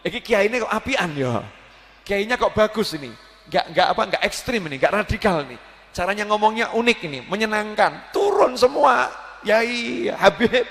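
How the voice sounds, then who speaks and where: A man giving a religious lecture, animated, acting out prayers and voices with joking asides. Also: sits high, vocal fry. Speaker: preacher. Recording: long hall reverb.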